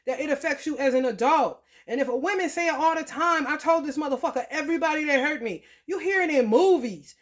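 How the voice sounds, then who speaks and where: Blunt, profane woman ranting. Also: high voice. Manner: blunt, profane, animated storytelling. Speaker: vlogger. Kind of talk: profane rant to camera.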